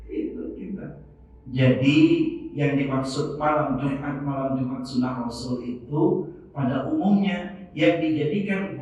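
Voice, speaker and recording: Brief: man in his 50s, preacher, unhurried delivery, recorded from afar in a very echoey mosque. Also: mid-range voice, a little mellow. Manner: playful, question-and-answer with congregation. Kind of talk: sermon. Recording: echoey mosque from far off, faint noise.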